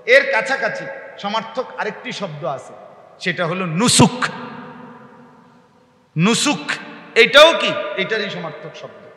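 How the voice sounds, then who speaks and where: A man preaching a sermon in a mosque. He explains by putting questions to his listeners, and his speech swings from quiet explanation to impassioned shouting. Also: animated, slow pace, pauses often, roomy sound, in a large hall. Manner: impassioned, rising to shouts, then dropping low; explains by asking the audience questions.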